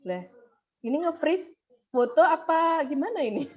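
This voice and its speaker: A woman lecturer leading an online class discussion over a video call, patient and chatty with gentle teasing. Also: high voice, animated, normal speed. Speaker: university lecturer. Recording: muffled video-call audio, faint noise.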